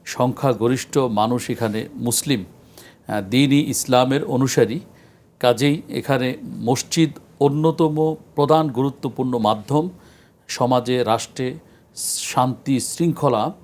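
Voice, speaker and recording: A man, a scholar guest on a religious talk show, speaking in an earnest, measured lecturing way with frequent pauses. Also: medium pitch, a little mellow. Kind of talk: studio discussion on a religious show.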